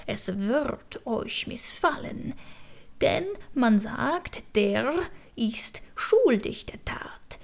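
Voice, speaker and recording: Grieving male crow, read by a woman: lamenting and pleading, slow and gravelly, for an audiobook. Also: fairly high pitch, heavily acted. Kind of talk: audiobook verse reading.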